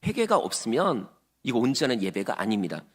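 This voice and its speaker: A man's voice: medium pitch, very animated, a little fast, slightly rough. Emphatic preacher man in a reverberant hall. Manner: emphatic, swings from loud to hushed, acts out churchgoers' lines. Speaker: pastor. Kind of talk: sermon.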